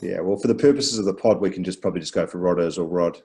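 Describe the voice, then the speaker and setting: A New man co-hosts a casual sports podcast in a very low voice. He talks in a relaxed way, hesitating often and filling gaps with ums. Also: fast talker. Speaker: podcast co-host.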